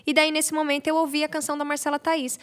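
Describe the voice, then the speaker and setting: A young woman, a podcast guest, telling a personal faith testimony in an animated, storytelling way. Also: high voice, fast. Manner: animated storyteller, acts out quoted prayers. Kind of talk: casual testimony chat.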